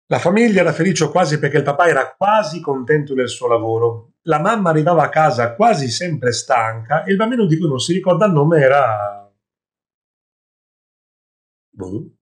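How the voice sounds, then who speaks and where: A man narrating a fairy tale in a measured voice, with wry, conversational asides to the listener. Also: fairly high pitch, animated. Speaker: storyteller.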